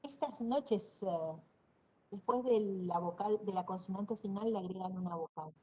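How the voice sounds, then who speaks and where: Argentine woman lecturing a class, kinda husky voice, acts out how people pronounce words. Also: mid-range voice, unhurried, a little mellow, poor audio. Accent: northeastern Argentine Spanish. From Corrientes, Argentina. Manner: explanatory, demonstrates pronunciations aloud. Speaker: university lecturer.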